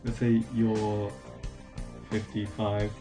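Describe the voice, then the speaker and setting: A man's voice: fairly low pitch, monotone, slow pace, music in the background. A man, the vlogger's boyfriend, explaining things in a matter-of-fact, practical way at home.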